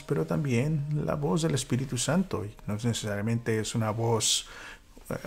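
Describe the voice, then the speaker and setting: A man leading a church small-group Bible study, speaking reflectively with fillers and dropping into a whisper for calm moments. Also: mid-range voice, creaky, breathy edge. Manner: reflective, with many fillers and soft whispered asides.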